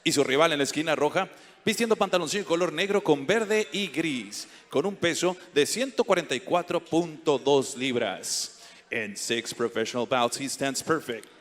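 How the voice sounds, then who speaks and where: A man working as a ring announcer, giving formal bilingual fight introductions and drawing the fighters' names out into long booming calls. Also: fairly quick, a bit bright.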